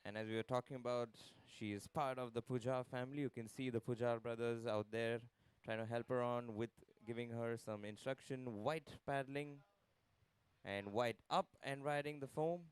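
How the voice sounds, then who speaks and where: A man's voice: mid-range voice, steady tone, moderate pace, clean tone, dry recording. A man giving live play-by-play and time calls as a commentator at a surfing contest.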